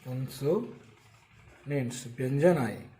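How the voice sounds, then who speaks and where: A man's voice: mid-range voice, animated, slow pace, warm tone. A man teaching an English grammar lesson, explaining step by step and asking and answering his own questions.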